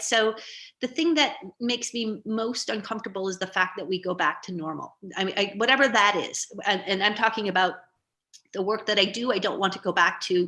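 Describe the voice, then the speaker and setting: Brief: middle-aged woman artist on a video call, bright tone, meandering and hesitant. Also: mid-range voice, creaky. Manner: rambling, hesitant, many fillers. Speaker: guest artist. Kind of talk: online artist talk Q&A.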